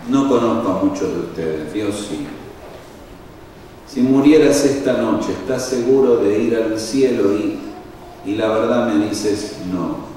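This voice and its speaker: A man's voice: on the low side, slow, dark tone, a little hiss or hum. A man preaching a sermon, speaking emphatically and building to fervent appeals. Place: church sanctuary. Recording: echoey hall, mic at a distance.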